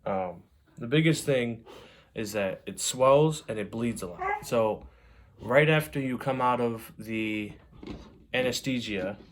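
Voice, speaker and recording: Speaking slowly in a medium-pitched voice, a man shares advice from personal experience straight to camera with no script. His talk wanders conversationally, "you know" recurring again and again, and the recording has noticeable background noise and clicks.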